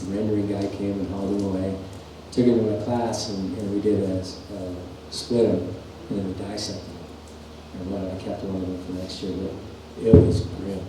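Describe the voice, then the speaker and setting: A middle-aged man telling folksy, rambling stories as a farrier instructor at a clinic presentation. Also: sits low. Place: large workshop or clinic hall. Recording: echoey shop, mic far off, faint hum.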